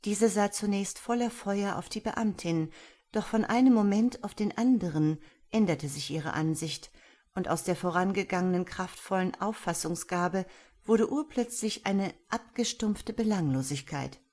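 A woman reading a crime novel aloud in a steady, measured way. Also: medium pitch. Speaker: audiobook narrator. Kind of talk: scripted crime-novel narration.

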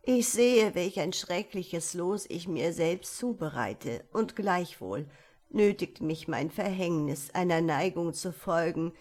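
A woman's voice: lowish voice, expressive, slow pace, darkish tone. A woman voicing a lovesick little hunchbacked old man who pleads in sorrow, in a storybook reading. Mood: sorrowful.

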